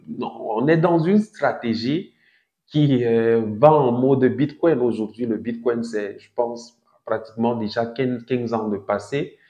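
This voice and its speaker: A man in his thirties giving a didactic talk as host of a crypto channel, deliberate, with emphatic rises on key points. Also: medium pitch, warm tone. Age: 30s. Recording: echoey room, dull lo-fi sound.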